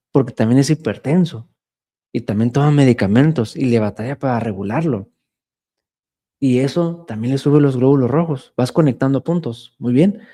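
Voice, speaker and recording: A man's voice: medium pitch, warm tone. A man who works in diabetes care, explaining conversationally in a livestream and often checking in with "¿no?". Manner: explanatory, conversational, asks listeners "¿no?". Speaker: diabetes health educator. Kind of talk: livestream talk.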